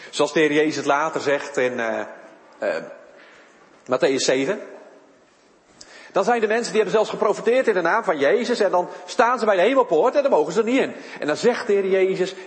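A man's voice: high voice, reverberant, big-room sound. A man preaching a sermon in church, his voice rising and falling for emphasis. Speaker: pastor.

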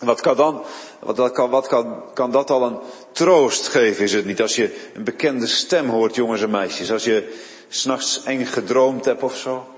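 A man's voice: mid-range voice, a little slow, in a large hall. A man preaching a sermon, retelling a Bible story with dramatic storytelling and frequent word repeats.

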